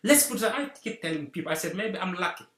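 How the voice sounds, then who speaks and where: A guest from Senegal gives an earnest community talk in a mid-range voice at a quick pace, his pitch swinging widely. He's animated and rallying, repeating stirring phrases, and the room adds an echo.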